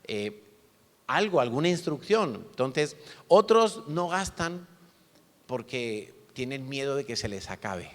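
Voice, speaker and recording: A man delivers a sermon built around a personal anecdote, and he acts out the dialogue in animated voices. His voice sits at an ordinary middle pitch. The sound carries the long reverb of a church hall. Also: slow pace. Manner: lively storyteller acting out dialogue. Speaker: preacher.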